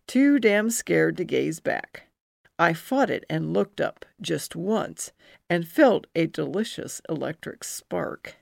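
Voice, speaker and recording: Middle-aged woman, memoir reader: heavy vocal fry, lively low voice, unhurried, dry close sound. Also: no room sound. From New Jersey. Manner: slow and expressive, swinging into high bursts for remembered feelings. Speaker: memoir narrator. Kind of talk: first-person memoir reading.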